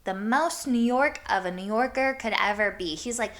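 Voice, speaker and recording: A woman from Iowa hosting her podcast, telling stories in a hyper, animated way with casual swearing. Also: on the high side, normal speed. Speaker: podcast host. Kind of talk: casual storytelling monologue.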